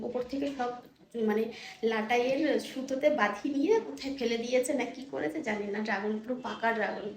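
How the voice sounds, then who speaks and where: Hoarse woman vlogging in an echoey room. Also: a little high, warm tone, slight background noise. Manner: chatty, addresses viewers as friends. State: hoarse from a sore throat. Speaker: lifestyle vlogger. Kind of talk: casual vlog chat to viewers.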